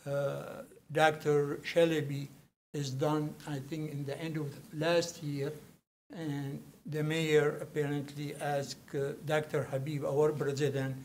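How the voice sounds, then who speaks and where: An older man from Syria, introducing himself at a public meeting and pausing often to find his words. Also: on the high side, little pitch movement, darkish tone, slight background noise. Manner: hesitant, searching for words. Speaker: commission nominee.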